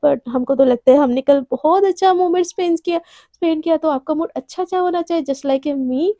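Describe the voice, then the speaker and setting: A woman's voice: high-pitched, brisk, warm tone, no room sound. A woman voicing a chatty young junior woman colleague who grumbles to herself, in a told love story. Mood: teasing.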